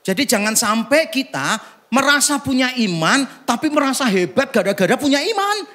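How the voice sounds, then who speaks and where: Male pastor, higher-pitched voice, joking conversational sermon, rhetorical questions to the congregation. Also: big pitch swings, moderate pace, sharp tone. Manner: humorous, conversational, teasing the congregation. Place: church service.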